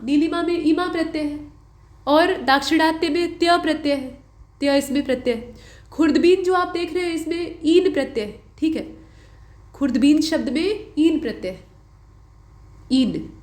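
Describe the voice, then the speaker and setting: A young adult woman teacher walking through exam answers in a patient lesson, repeating key points. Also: high voice. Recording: roomy echo.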